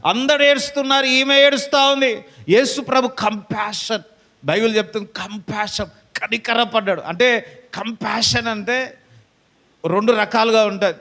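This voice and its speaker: A man's voice: high voice, sharp tone, in a large hall. A pastor preaching a fervent sermon to his congregation, calling out amen and hallelujah again and again.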